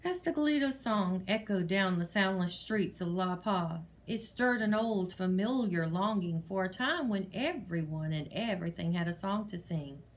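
A woman reading a picture book aloud in an expressive storytelling manner. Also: mid-range voice, moderate pace, few pauses. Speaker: story reader.

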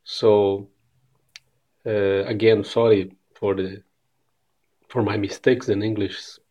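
A Brazilian man in his thirties, speaking careful non-native English with a Brazilian Portuguese accent, shares a short, casual devotional message to camera. His voice is fairly low, slow and flat, and he often repeats words. He records on a phone held at arm's length in a bright room.

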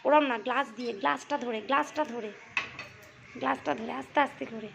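A woman's voice: high voice, normal speed, creaky, noisy background. A woman, a mother, chatting casually at home as she films her children, giving step-by-step orders and coaxing them along. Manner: bossy step-by-step instructions, coaxing. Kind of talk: casual home vlog chat. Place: family home.

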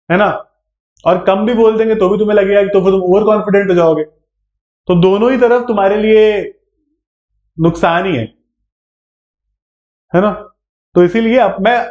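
A man's voice: sits high, a little mellow. A man with an Indian English accent, teaching a live online exam-prep class in a chatty way and checking in with his students often. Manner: chatty, checks in with frequent tag questions. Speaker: law entrance exam teacher. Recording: echoey room, dull lo-fi sound.

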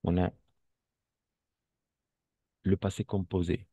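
A man with a very low, gravelly, slightly husky voice gives a language lesson. He talks patiently, repeating and spelling words letter by letter. The sound is dry, with no room echo. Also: flat delivery, takes it slowly, mellow. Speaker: French teacher.

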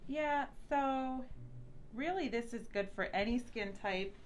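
A woman's voice: a little high, slow. A woman in her thirties speaking through a face mask, slightly muffled, informally explaining a treatment as a nurse practitioner on a live video. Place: small indoor treatment room. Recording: noisy room ambience.

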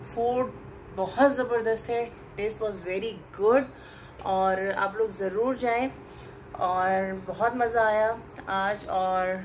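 An upbeat woman, chatting to her followers in a casual vlog. Her voice sits at an ordinary middle pitch, recorded on a phone at arm's length with faint background hiss. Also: low-quality recording. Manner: chatty, upbeat, enthusiastic recommending. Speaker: lifestyle vlogger. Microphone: phone camera at arm's length.

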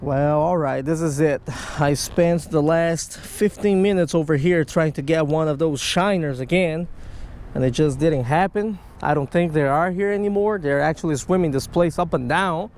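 Fishing by a creek under a stone bridge, a vlogger gives casual, excitable running commentary, talking both to the fish and to his viewers. His pitch is fairly high and his speed normal, captured on a chest-mounted action camera.

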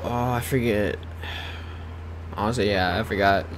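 A man's voice: on the low side, fairly even intonation, unhurried. A young man chatting casually with teammates while streaming a shooter game, teasing and laughing. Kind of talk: casual gaming banter. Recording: gameplay noise behind voice chat.

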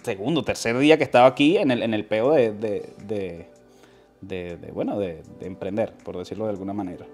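A young Venezuelan man with a Venezuelan accent sits on a living room sofa as a guest in a casual interview, wearing a lapel mic. He tells slangy stories, quoting voices and restarting often. His fairly low voice is a little fast and a little mellow, with faint music behind.

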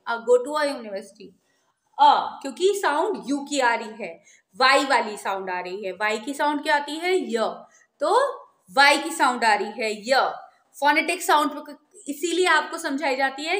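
Slow, high-voiced woman teaching. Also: fairly bright tone, reverberant. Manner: asks questions and answers them, repeats words slowly. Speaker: English teacher. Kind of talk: video lesson explaining grammar.

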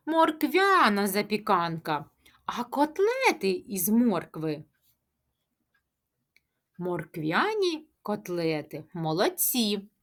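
A woman teaching a speech lesson to preschoolers, asking questions, answering them herself and chanting tongue twisters slowly. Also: fairly high pitch. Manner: sing-song, drawn-out tongue-twister chanting. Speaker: kindergarten teacher.

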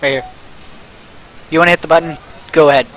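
A young man livestreaming a game with a friend, excitable and jokey, reading prompts aloud as he plays. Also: on the high side, fast talker, poor audio. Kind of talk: casual gaming chat.

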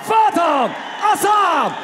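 A man giving a booming stage introduction as a ring announcer, formal, with drawn-out shouted names. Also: very animated, very noisy. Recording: booming hall reverb, faint crowd.

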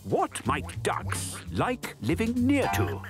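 Gentle, encouraging male cartoon narrator. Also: on the high side, huge pitch swings, slow, gravelly, faint music behind. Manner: gentle, encouraging, addresses the children. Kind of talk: scripted children's cartoon narration.

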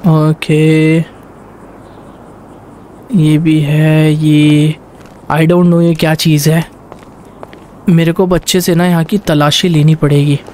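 A young man giving lively gameplay commentary in Hindi mixed with English, talking to viewers as he plays. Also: fairly high pitch, slight background noise. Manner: excitable, talks to viewers, barks orders in role.

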